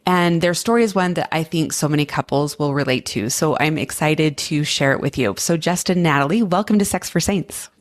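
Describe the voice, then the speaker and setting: A woman hosts a podcast interview, drawing her guests out with friendly questions. Her voice sits low for a woman. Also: brisk, few pauses. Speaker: podcast host. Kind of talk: casual interview.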